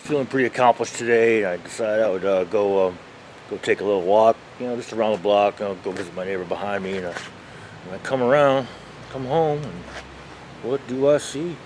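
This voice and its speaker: A man's voice: fairly low pitch, brisk, darkish tone, poor audio. A man talking casually to the camera in a plain-spoken, musing way, recorded outdoors around a home. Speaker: vlogger. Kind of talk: casual vlog chat. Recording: clear ambient hum and outdoor noise.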